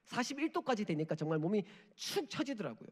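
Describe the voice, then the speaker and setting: A man in his thirties, a missionary preaching a sermon in a church sanctuary, moving between forceful urging and hushed, near-whispered moments. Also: sits high, sing-song, fast talker, slightly rough. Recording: long hall reverb.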